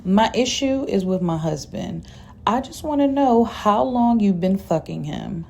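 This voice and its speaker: A woman reading a story aloud, voicing a bold wronged wife who speaks calmly with cutting sarcasm. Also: mid-range voice, measured pace, gravelly. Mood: calm, sarcastic.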